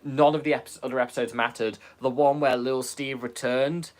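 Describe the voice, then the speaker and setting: A man's voice: medium pitch, steady tone, normal speed. A man co-hosting a casual show-and-tell who rambles and jokes, with frequent hesitations. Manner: rambling, jokey, hesitant fillers. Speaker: co-host presenting model props. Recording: home recording with clear background noise.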